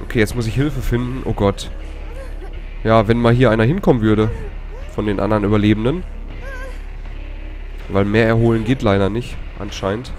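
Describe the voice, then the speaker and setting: Over loudly scored gameplay, a man narrates his horror game run as a let's play gamer, swearing frequently. His fairly low, steady voice moves at a moderate pace with long pauses, shifting between nervous mutters, whispered hisses and panicky bursts.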